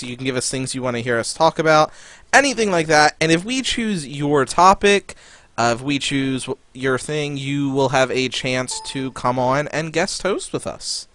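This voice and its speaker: A man's voice: mid-range voice, a little slow, a bit bright, a little hiss or hum. A man co-hosting a casual podcast chat, rambling and hunting for words as he explains things. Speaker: podcast co-host.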